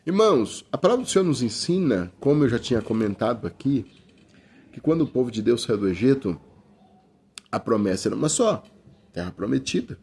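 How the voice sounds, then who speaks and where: A man's voice: medium pitch, very animated, brisk, vocal fry, a little mellow, husky. A middle-aged Brazilian man preaching an informal sermon in a conversational way, often calling listeners brother, with many restarts. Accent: Brazilian Portuguese.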